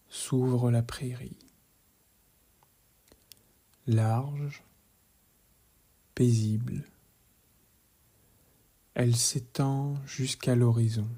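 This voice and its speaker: A man with a medium-pitched, slightly rough voice leads a guided relaxation meditation. He keeps it soft, hushed, and calm, speaks in a measured and gently instructive manner, and often slips into a whisper.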